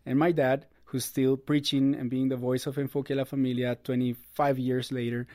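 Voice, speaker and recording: A man's voice: mid-range voice, little pitch movement, normal speed, warm tone, no echo, clean studio sound. A man, telling his story as an interview guest in an earnest, upbeat way. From Costa Rica. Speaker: guest, ministry producer. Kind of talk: casual interview.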